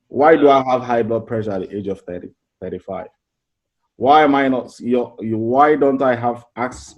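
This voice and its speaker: With a mid-range voice, a middle-aged life coach gives an informal motivational class. He sounds earnest and conversational, frequently restarting phrases and throwing out rhetorical questions.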